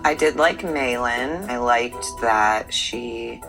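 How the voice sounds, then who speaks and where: A woman's voice: rumbling low, takes it slowly, gravelly, poor audio. A woman speaking in a reality TV interview style, played back from a television show. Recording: TV show playback with music underneath.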